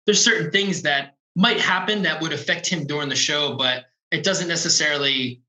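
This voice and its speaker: A man's voice: fairly high pitch, moderate pace, sharp tone, roomy sound, low-quality recording. A man talking about his touring work in a casual interview, laid-back and rambling, full of fillers, over a video call. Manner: laid-back, rambling, lots of "like" and "you know". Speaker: drum tech on tour, guest.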